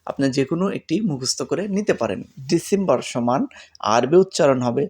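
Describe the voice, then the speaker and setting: A man's voice: medium pitch, lively intonation, fairly quick, darkish tone, slightly rough. A man with a Bangladeshi Bengali accent teaching vocabulary in a casual spoken lesson, saying each word again and again so learners can memorize it. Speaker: language teacher.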